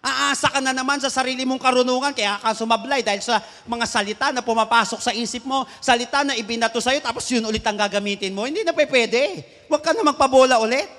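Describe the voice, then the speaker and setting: A man preaching a sermon as pastor, mixing Tagalog and English and building to loud emphatic points. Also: extremely high pitch, fast, few pauses. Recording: long hall reverb.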